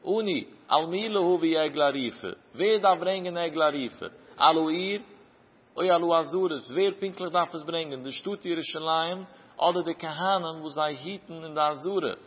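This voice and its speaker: Guy teaching talmud, kinda high husky voice, chants the text then asks questions, dull recording in a big echoey hall. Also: moderate pace. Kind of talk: traditional Talmud lecture.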